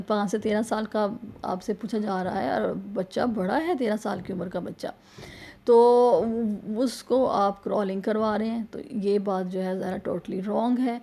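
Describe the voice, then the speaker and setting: A woman teacher giving a revision lecture, speaking haltingly with many drawn-out fillers and self-corrections, patiently repeating points and explaining them with examples. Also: medium pitch, creaky, mellow.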